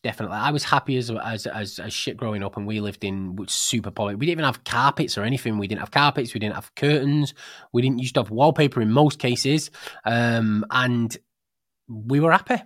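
Fast-talking man, dry mic. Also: medium pitch, dry recording. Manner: animated, swearing storyteller with many restarts. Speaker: podcast host. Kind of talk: casual podcast chat.

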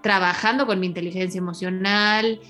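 A woman explaining parenting styles as a guest, in a measured way, checking in with frequent tag questions. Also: fairly low pitch, steady tone, bright, forceful tone, soft background music. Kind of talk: explanatory conversation.

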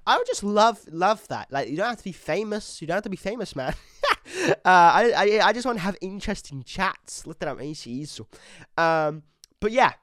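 A young man hosts his own casual solo podcast, excitedly chatting in English and throwing in broken, clumsy Portuguese. His pitch swings widely between words at a moderate pace, and the desk mic on camera gives a close, dry recording with no room sound.

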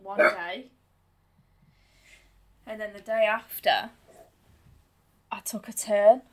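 A woman's voice: mid-range voice, fairly even intonation, slow, fairly bright tone. A woman co-hosting a casual podcast, a supportive listener who talks with lots of fillers, in an amateur home recording. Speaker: podcast co-host. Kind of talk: casual chat about anxiety.

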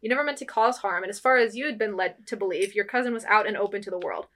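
A woman's voice: medium pitch, fast, a bit bright. A woman co-hosting a podcast in casual chat, reading online comments aloud. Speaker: podcast co-host.

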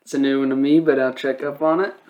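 A man's voice: medium pitch, fairly even intonation, fast, a little mellow, dull audio. A young man chatting casually and playfully as a podcast co-host, recorded in an attic. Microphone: microphone.

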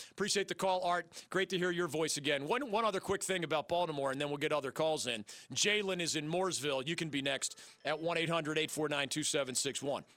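A middle-aged man hosting a sports talk radio show, emphatic and energetic, with a voice worn from losing it. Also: on the high side, no room sound. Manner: energetic, emphatic, quick asides. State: losing his voice.

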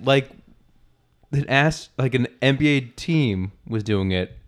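A man's voice: mid-range voice, animated, slow pace. A man co-hosting a sports podcast, talking casually, hesitating and swearing now and then. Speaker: podcast co-host.

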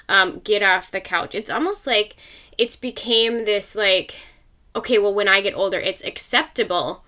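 A woman's voice: mid-range voice, bright, forceful tone. A woman hosting a podcast, delivering a blunt motivational monologue full of rhetorical questions. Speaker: podcast host.

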